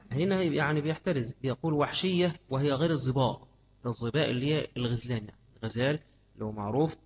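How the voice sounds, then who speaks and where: A man with an Egyptian accent gives a religious study lesson at a rapid clip. His voice is husky. He repeats key terms and keeps asking his listeners questions. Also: medium pitch, highs cut off. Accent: Egyptian Arabic. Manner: repeats key words, asks the class questions. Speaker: religious teacher.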